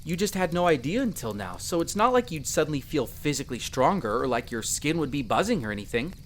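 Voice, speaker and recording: Talking fast with big swings in pitch, a performer plays a young elf explorer in a roleplay audio drama, friendly and protective. The mid-range, near-everyday voice addresses the listener in a chatty, warm, reassuring way, with a little hiss or hum in the background.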